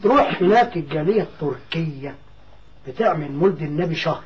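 A man's voice: on the high side, lively intonation, fast talker, husky, highs cut off. A man with an Egyptian accent who talks emphatically, repeats himself and also recites the Quran. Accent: Egyptian Arabic. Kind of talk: casual chat and Quran recitation.

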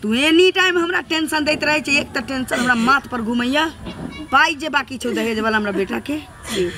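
A woman's voice: sits high, moderate pace. A woman with a Maithili accent playing a harsh, scolding mother-in-law in a comedy sketch. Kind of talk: scripted comedy sketch acting.

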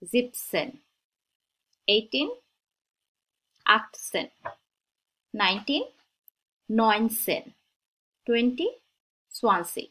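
Slow, deliberate woman teaching German. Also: on the high side, animated, bright, forceful tone. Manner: repeats each word twice, slow and deliberate. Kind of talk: slow-paced language lesson.

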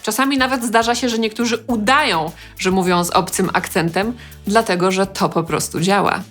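A woman from Poland hosting a language lesson, explaining clearly with light humor. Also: mid-range voice, steady tone, normal speed, a bit bright, faint music behind. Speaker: language teacher host. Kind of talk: educational vlog.

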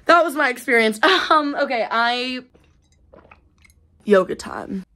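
A young woman with a fairly high voice tells a story in a chatty, animated way. She acts out the quoted lines of others as she talks. Her delivery is loose and casual, the way a vlogger talks to her viewers. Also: normal speed. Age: young adult.

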